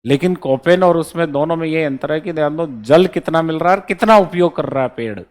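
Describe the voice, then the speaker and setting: A man's voice: on the high side, a little fast, a little mellow. A male teacher giving a classroom lecture, drilling memory codes letter by letter and checking in with students again and again. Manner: keeps checking in with students, repeats key points. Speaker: exam-prep teacher.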